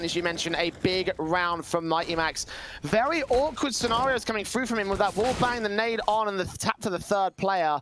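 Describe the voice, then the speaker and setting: High-voiced male esports caster. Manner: rapid, rising to excited shouts at big plays. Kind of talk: play-by-play commentary.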